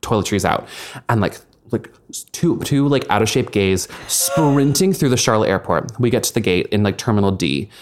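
A man's voice: lowish voice, lively intonation, moderate pace, a little hiss or hum. A young man hosting a podcast, telling a long story in casual chat with lots of "like" and swearing. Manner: rambling, frequent likes and swearing. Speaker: podcast host.

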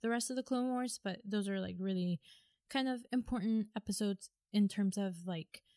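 Mellow-voiced young woman podcast host. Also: mid-range voice, moderate pace, no room sound, studio quality. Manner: rambling, many fillers and restarts. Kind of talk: casual fan podcast chat.

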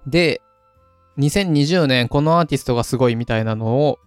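Smooth-voiced man talking briskly. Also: mid-range voice, no echo, soft background music. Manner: brisk, reads out facts, laughs easily. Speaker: podcast co-host. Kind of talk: casual podcast chat.

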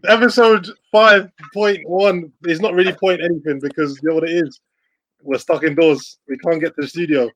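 A young man with an urban London roadman accent, hosting a casual podcast in an animated, slangy way. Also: a little high, moderate pace, low-quality recording. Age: young adult. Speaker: podcast host. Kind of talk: casual group banter and hosting. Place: indoors at home, on a laptop video call.

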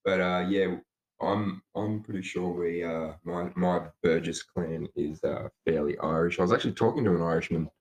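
Deep-voiced Australian man spinning yarns. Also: steady tone, normal speed. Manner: loose, rambling storyteller who swears and puts on voices for quotes. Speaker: podcast co-host. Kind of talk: casual chat.

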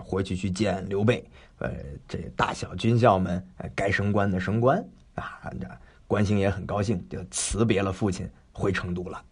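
A man telling a traditional tale in an animated, conversational way with frequent fillers. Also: on the low side, slightly rough. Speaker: storyteller. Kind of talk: traditional oral storytelling.

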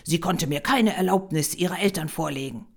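A woman reading a German story voices a curt, guarded young male photographer in a lowered voice. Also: brisk, vocal fry.

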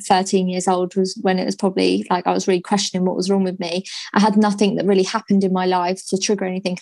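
Twenty-something woman, guest on a podcast, slow and hesitant with lots of ums, gravelly low-energy voice, dry close sound. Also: a little mellow, no echo. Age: 20s. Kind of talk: candid personal story in a podcast interview.

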